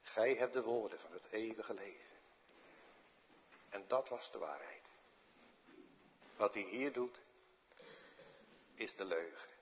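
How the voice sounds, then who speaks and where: A man preaching a sermon in a church, slow and dramatic, with sudden hushed drops. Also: fairly low pitch, lively intonation, dull audio, slight background noise. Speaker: pastor.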